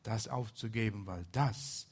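A man preaching a sermon, retelling a Bible story and shifting between soft asides and loud emphasis. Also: on the low side, measured pace, husky.

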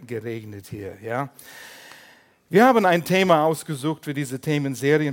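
An older male pastor with a medium-pitched voice preaches a lively, humorous sermon in German, making small slips in the language.

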